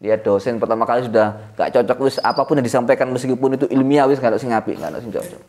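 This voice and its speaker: A man with an East Javanese accent leading an informal religious lesson for boarding school students, telling stories in a lively way with sudden jumps in pitch and chuckles. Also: very fast. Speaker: Islamic boarding school leader teaching a classical text.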